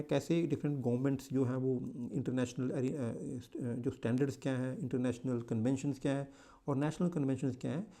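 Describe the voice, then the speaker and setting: Indian-accented man, exam coaching lecture, mellow dark tone, repeats and self-corrects. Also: mid-range voice. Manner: mixes English into Hindi, repeats and self-corrects.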